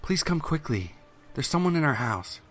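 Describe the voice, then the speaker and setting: A man's voice: a little high, sing-song, moderate pace, fairly bright tone, soft background music, pitched above the performer's own voice. A man voicing an anxious, demanding mother in a narrated horror story, speaking urgently. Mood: frightened. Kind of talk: acted quotes in horror narration.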